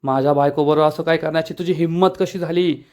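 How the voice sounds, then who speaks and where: A man's voice: a little high, steady tone, fast, darkish tone, lightly acted. A man voicing an angry husband who confronts someone on his wife's behalf. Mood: indignant. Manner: indignant, confronting.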